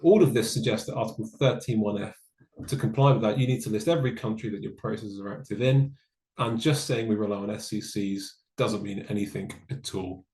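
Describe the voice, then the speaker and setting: A man giving a webinar presentation, explaining in a measured way with dry asides. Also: lowish voice, mellow, reverberant, rough recording. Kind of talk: online presentation on data law.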